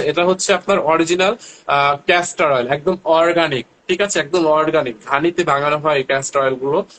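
A man's voice: fairly high pitch, fairly bright tone, low-quality recording. Chatty young man hosting a livestream. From Barishal, Bangladesh. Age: young adult. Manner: chatty, addresses viewers directly, many fillers. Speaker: live sales host. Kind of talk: casual livestream selling.

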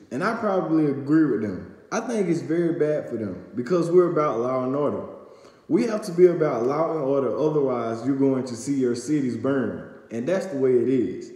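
A young man with a fairly high, warm voice recaps news to camera on a phone camera held at arm's length. He reads aloud with stumbles and fillers in a small home room that's echoey with long reverb.

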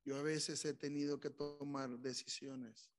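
A man's voice: on the high side, flat delivery, a little slow, music in the background. A man preaching as pastor, giving an emotional altar call and voicing the prayers of his listeners. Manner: pleading, emotional, voices the congregation's prayers. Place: church sanctuary.

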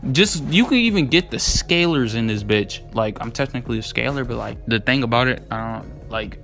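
A man's voice: medium pitch, expressive, brisk, creaky, fairly bright tone, faint music behind. A young man giving casual, unscripted commentary as a video creator, rambling in a slangy, profane, hyped and emphatic way. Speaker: video creator debating anime battle matchups.

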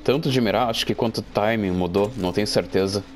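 A young man with a Brazilian Portuguese accent, casually commenting on his gameplay, excitable and joking, a bit groggy from medication. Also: lowish voice, fairly quick. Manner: excitable, yelps and jokes at the game. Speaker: gameplay streamer.

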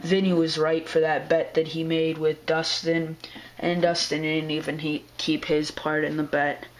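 A man's voice: a little high, completely flat delivery, unhurried. A man who is sick, with a strained throat, giving a casual video update about his aquarium. He rambles in a laid-back way, with lots of fillers and slang. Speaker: aquarium hobbyist vlogger.

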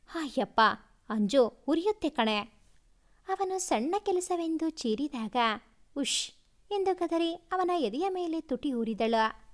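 A woman storyteller giving scripted narration of a family love story in an even storybook manner. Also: sits high.

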